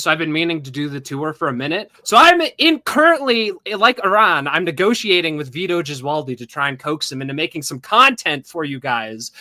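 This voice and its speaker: A man's voice: on the high side, pushed and bright, no room sound. A man hosting a casual podcast chat, ranting with lots of swearing and mimicking people. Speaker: podcast host.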